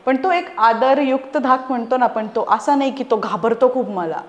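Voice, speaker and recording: A woman's voice: fairly high pitch, moderate pace, roomy sound, highs cut off. A woman in her thirties, a podcast guest who speaks earnestly and persuasively, arguing her points through everyday examples in casual conversation. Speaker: podcast guest, parenting expert.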